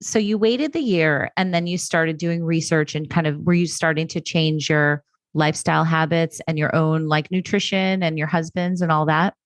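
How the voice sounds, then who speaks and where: A woman's voice: deep voice, fairly even intonation, normal speed, few pauses, no room sound. A woman hosting a podcast interview, affirming her guest in a friendly way as she asks questions. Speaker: podcast host. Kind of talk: casual interview conversation.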